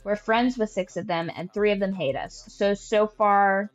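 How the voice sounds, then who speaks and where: A woman's voice: mid-range voice, moderate pace, muffled recording. A woman giving casual gameplay commentary as a streamer. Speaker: game streamer. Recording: faint background game music.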